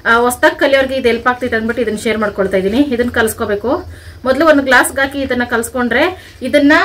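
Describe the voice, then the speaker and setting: A young village woman from talks straight to her followers and calls them friends, chatty and homely. Her voice sits high and bright. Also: a little hiss or hum. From Karnataka, India. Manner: chatty, addresses viewers as friends. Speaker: vlogger, channel host. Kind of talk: casual cooking vlog narration.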